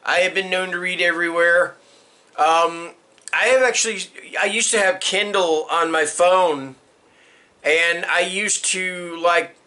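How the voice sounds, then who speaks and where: A middle-aged man talking casually to the camera about his books. His voice sits a bit high for a man and sounds bright and forceful. He rambles, restarts and drifts into chatty rants. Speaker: book vlogger. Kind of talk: casual chat answering a tag. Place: room with bookshelves.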